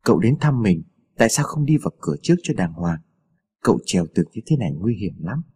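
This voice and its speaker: A man voicing a sickly, timid young girl, speaking softly and pleadingly, in a husky voice. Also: on the low side, sing-song, quick pace, voice pushed down. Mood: worried. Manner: soft, pleading.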